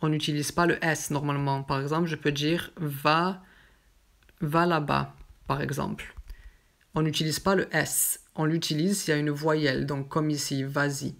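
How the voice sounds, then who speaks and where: A woman's voice: deep voice, fairly even intonation, normal speed. A woman teaching a grammar lesson patiently and methodically, often linking her points with filler words. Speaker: French teacher. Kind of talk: slow explanatory grammar lesson.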